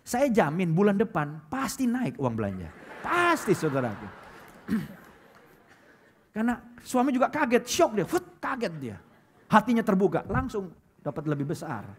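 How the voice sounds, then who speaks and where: A male pastor preaching a lively sermon, calling out loudly and dropping to quiet asides. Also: high-pitched, normal speed, long pauses, slightly rough. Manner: lively preaching, swings between loud calls and quiet asides; acts out quoted churchgoers in put-on voices. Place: church hall.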